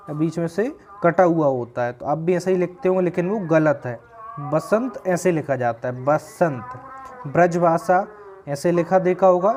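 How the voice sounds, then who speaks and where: Casting: male tutor, exam-prep lesson, slightly raised pitch, deliberate and explanatory. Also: a little mellow. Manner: explanatory, slows to stress words. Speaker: Hindi grammar teacher.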